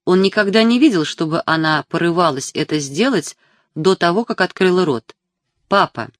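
An audiobook narrator reading literary prose in a measured, even storytelling manner. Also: medium pitch, no room sound, studio quality.

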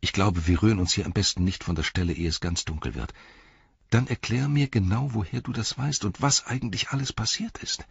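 A thoughtful hobbit speaks low and earnest, keeping his husky deep voice quiet, as a male reader puts him on. The recording is close, dry and a bit dull. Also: fairly quick, no echo, heavily acted. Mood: grave.

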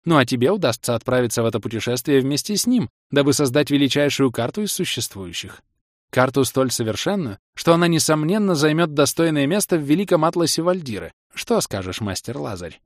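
A man's voice: medium pitch, big pitch swings, dry recording, clean studio sound, pitched above the performer's own voice, close to an everyday voice. A man voicing a stern, dignified grey-haired female gnome librarian who speaks formally and loftily. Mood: formal, conspiratorial. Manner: formal, measured, lofty speech.

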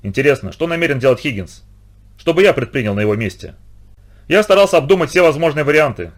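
Man narrating with lively swinging pitch. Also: quick pace. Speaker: audiobook narrator. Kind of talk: first-person audiobook narration.

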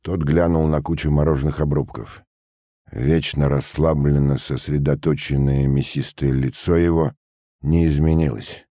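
A man reading a story aloud in a steady, measured way. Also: very deep voice, no echo, studio quality. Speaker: narrator. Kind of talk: audiobook narration.

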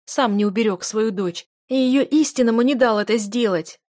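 A woman's voice: mid-range voice, flat delivery, normal speed, no echo, studio quality, close to an everyday voice. A woman reading an audiobook and voicing a young wife in grief and anger, raised and anguished. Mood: furious. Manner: anguished, shouting. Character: young married woman, grieving and furious.

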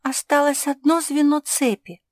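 Josie, a woman voicing a high anxious pug. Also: steady tone, normal speed, a little mellow, no room sound, clean studio sound, natural voice. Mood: anxious pleading. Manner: high, urgent and pleading. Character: anxious little female pug, eager and pleading.

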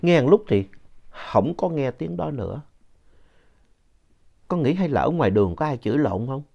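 A man narrating a ghost story in a conversational, lively way with asides to the listener. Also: mid-range voice, moderate pace, vocal fry. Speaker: story reader. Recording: dull lo-fi sound.

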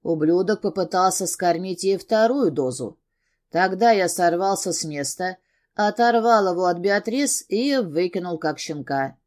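A woman reading a first-person story aloud as an audiobook narrator, in an even, steady storytelling manner. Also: fairly low pitch, a little slow.

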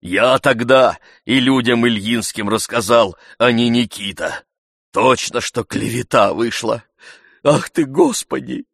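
A man voicing a fussy, devoted old male servant, wheezing and hoarse, in a read-aloud story. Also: mid-range voice, measured pace, fairly bright tone, no echo, clean studio sound, pitched above the performer's own voice. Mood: fawning joy. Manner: fawning, fussy exclamations.

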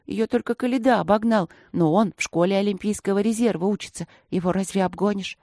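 Brief: woman audiobook narrator, mid-pitched, steady delivery, dry close sound. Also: brisk, dry recording. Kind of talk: audiobook reading of a children's novel.

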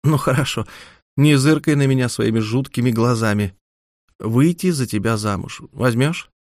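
A man's voice: mid-range voice, normal speed, darkish tone, no echo, clean studio sound, close to an everyday voice. A man voicing a teasing, playful young woman in an audiobook. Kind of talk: scripted audiobook character acting.

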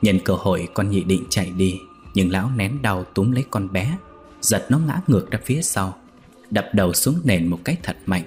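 A man narrating a scripted ghost story in a measured, steady way. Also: low voice, soft background music.

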